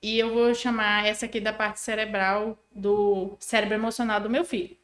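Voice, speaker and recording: A woman and parenting educator, a guest on a podcast, explaining things in an animated, teacherly way and acting out examples. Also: medium pitch, normal speed. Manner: didactic, animated, acts out examples. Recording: echoey room.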